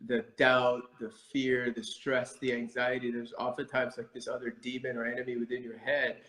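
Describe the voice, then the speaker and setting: A middle-aged martial arts instructor from India reflects thoughtfully as a guest in a conversational interview, with many fillers and restarts. His mid-range voice is completely flat and fairly bright at a moderate pace. The recording is rough and roomy.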